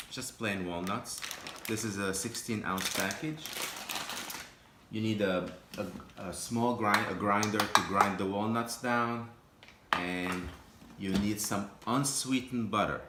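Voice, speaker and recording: A man giving a patient, step-by-step cooking demonstration in his home kitchen, often pausing and restarting his sentences. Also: fairly low pitch, fairly even intonation, very noisy. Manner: halting, patient step-by-step explaining with frequent restarts. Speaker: home cook. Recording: echoey kitchen room.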